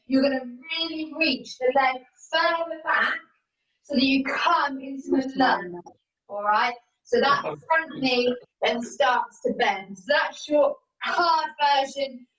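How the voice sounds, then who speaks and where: Taking it slowly in a high, fairly bright voice, a young fitness instructor teaches a live exercise class from home by video call. She walks through each move step by step with encouragement, and the audio from her laptop or phone camera is distant and roomy.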